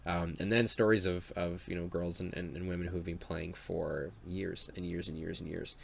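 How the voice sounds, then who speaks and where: Stuffy, gravelly deep-voiced man. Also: level tone, slight background noise. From Ontario, Canada. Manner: hesitant, halting, earnest. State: stuffy from a cold. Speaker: dungeon master and video maker. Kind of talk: casual talk to camera.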